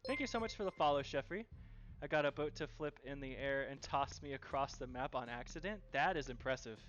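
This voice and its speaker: A man's voice: medium pitch, animated, brisk, fairly bright tone, highs cut off, soft background music. A man running a live cooking stream, chatting and cheerfully thanking viewers as he cooks.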